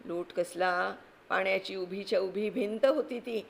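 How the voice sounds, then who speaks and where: A woman reads a story aloud with expressive, vivid delivery. Her voice has a gravelly edge at a middle pitch. A faint background noise sits under her voice. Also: a little slow. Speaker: story reader. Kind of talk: dramatic story reading.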